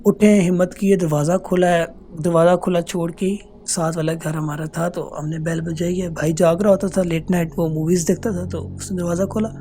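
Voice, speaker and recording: A man telling a true ghost story as a casual voice note, earnest and hesitant, pausing often. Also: high voice, level tone, warm tone, a little hiss or hum. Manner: earnest, unhurried, hesitant with many pauses. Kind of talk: casual spoken recounting of a true horror experience. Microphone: phone voice note.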